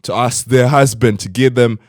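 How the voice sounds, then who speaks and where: Male podcast co-host, casual chat, animated, reads comments aloud, dry close sound. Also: mid-range voice, moderate pace, dry recording.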